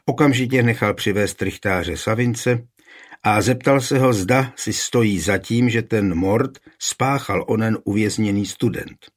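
Low husky male storyteller. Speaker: narrator. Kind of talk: scripted storybook narration.

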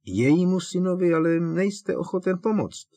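Audiobook: an earnest teen boy pressing his point, quiet but unyielding, voiced by a man. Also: mid-range voice, lively intonation, no echo, close to an everyday voice. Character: teenage boy wizard, grim, insistent.

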